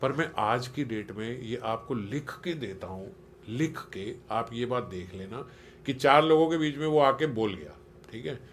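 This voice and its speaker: A man's voice: mid-range voice, expressive, measured pace, fairly bright tone, a little hiss or hum. Earnest man teaching a small group. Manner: questioning, quizzes listeners, acts out quotes in everyday voices; earnest and persuasive. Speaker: spiritual teacher. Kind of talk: conversational spiritual talk to a small group.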